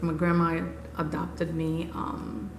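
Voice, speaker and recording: A woman in her forties from Haiti, earnestly recounting her life in an unhurried interview. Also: low voice, completely flat delivery. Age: 40s. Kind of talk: personal recollection. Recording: echoey room with music underneath. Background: music.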